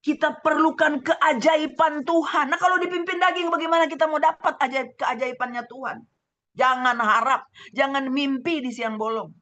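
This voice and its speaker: A middle-aged woman pastor from Manado, speaking with a Manado Indonesian accent, preaches a sermon over a video call from a room at home while her husband preaches next door. Her voice is high with a steady tone at a moderate pace, and she's fervent, swinging between loud exclamations and hushed asides.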